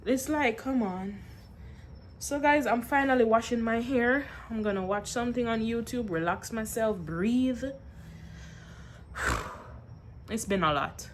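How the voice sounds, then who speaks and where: A young woman vlogging at home, telling her story in an animated way with sighs and laughs, and sounding tired. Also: fairly high pitch, measured pace, long pauses, slight background noise. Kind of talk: casual venting vlog.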